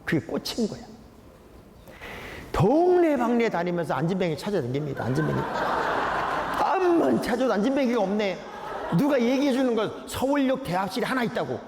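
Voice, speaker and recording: A Korean pastor in his sixties, a man, preaching a sermon with lively humorous storytelling. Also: sits high, fairly quick, pauses often. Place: large church sanctuary. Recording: echoey church hall, faint noise.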